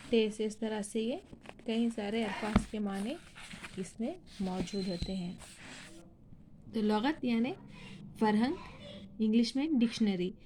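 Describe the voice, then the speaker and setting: A school teacher delivers a recorded classroom lesson, spelling words slowly letter by letter and posing questions she answers herself. Her voice is a little high with a darkish tone, and there's slight background noise.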